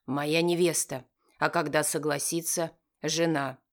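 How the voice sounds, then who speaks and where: A woman's voice: level tone, measured pace. A woman voicing a confident, protective young man who speaks dryly and firmly. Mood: cold, firm. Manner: dry, firm, low-voiced.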